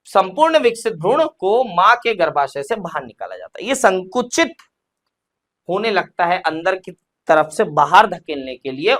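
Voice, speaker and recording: A man's voice: high-pitched, fairly bright tone. A young man teaching an exam-prep lecture, posing questions and answering them himself step by step. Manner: explains step by step, asks and answers his own questions.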